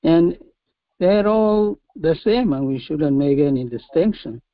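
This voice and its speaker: A man in a study group sharing a comment in slow, halting speech, repeating words as he goes. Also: fairly high pitch, lively intonation, dry recording, muffled recording. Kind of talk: casual discussion comment.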